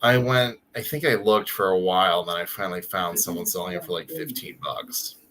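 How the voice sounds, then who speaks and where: A man's voice: deep voice, a little fast, crowd noise. A man co-hosting a casual fan podcast, chatty and full of filler words. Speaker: podcast co-host.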